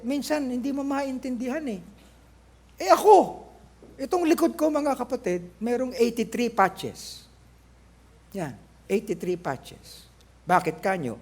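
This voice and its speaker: A male pastor with a Filipino accent preaching a sermon, animated and joking, mixing in English phrases, his voice lower than usual. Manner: animated, joking, switching between Tagalog and English. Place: church.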